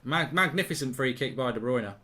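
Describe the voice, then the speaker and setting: Reacting to the match and reading viewer chat aloud, a man hosts a live football watchalong in a blunt, chatty style with mild swearing. His medium-pitched voice is expressive, a little fast, pushed and bright.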